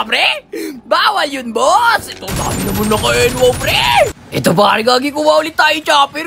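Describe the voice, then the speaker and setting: A woman from the Philippines giving excited, slangy live gameplay commentary, often shouting and laughing. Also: high-pitched, vocal fry. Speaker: gaming streamer. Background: game music and sounds.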